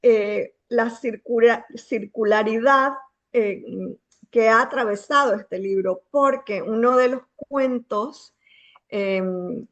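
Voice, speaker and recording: A woman with a Bolivian Spanish accent talks as a guest author. She is reflective and often pauses to search for the right word. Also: fairly high pitch, fairly bright tone, dull audio. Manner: reflective, searching for words, many filler pauses. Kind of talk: thoughtful conversation.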